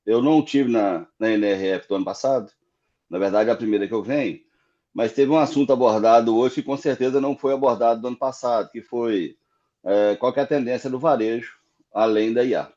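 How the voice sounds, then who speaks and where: Mellow Brazilian man on a dull call. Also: mid-range voice, a little fast. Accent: Brazilian Portuguese. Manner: explanatory, builds points with repeats. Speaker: delegation member. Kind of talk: casual chat on a group call.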